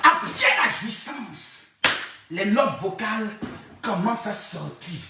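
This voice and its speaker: A man doing rowdy live-stream commentary, shouting, chanting and mocking. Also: sits high, animated, takes it slowly, creaky, noisy background. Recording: echoey room, far from the mic.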